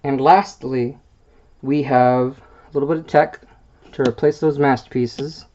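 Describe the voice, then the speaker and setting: A man's voice: medium pitch, fairly even intonation, measured pace, a little mellow. A man with a mid-range voice reads card game rules aloud for a deck presentation. He stumbles over the wording, corrects himself and fills gaps with little hesitations. The sound is a bit dull and lo-fi, as from a simple home microphone. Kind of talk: reading card text aloud.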